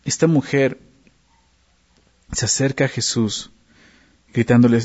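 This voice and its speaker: A man's voice: medium pitch, steady tone, slow pace, a little mellow, slightly rough. A man teaching a Bible study in a conversational way, often asking listeners to follow along in the text. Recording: dull lo-fi recording.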